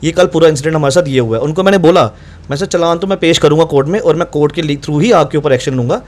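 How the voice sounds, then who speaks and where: Fast-talking man recounting a dispute. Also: fairly high pitch, a little mellow. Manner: fast, insistent, reenacts dialogue. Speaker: doctor recounting incident to reporter. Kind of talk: animated first-person account.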